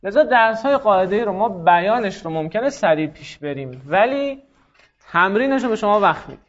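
A man teaching a grammar class, quizzing students on their answers, praising them and explaining rules briskly. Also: sits high, lively intonation, dull audio. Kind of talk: classroom lesson with student drills.

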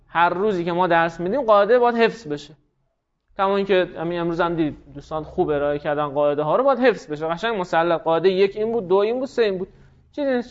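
A man's voice: high voice, lo-fi sound. A man teaching a class, explaining rules step by step and asking and answering his own questions. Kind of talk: classroom lecture.

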